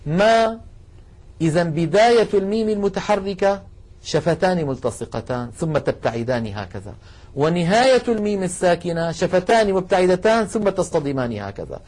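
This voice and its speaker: A man lecturing a class, explaining carefully and slowing down to demonstrate sounds, asking students to try along. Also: high-pitched, a little mellow. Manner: addresses students directly, asks them to try along. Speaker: Quran recitation teacher.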